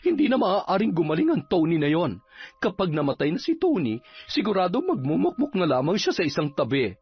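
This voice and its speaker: A man's voice: high-pitched, wildly swooping pitch, a little fast, slightly rough, pitched above the performer's own voice, full character voice. A man voicing a scheming, two-faced middle-aged woman village captain who is sugary in public and sneering in private, in a horror radio drama. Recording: slightly dull recording with music underneath.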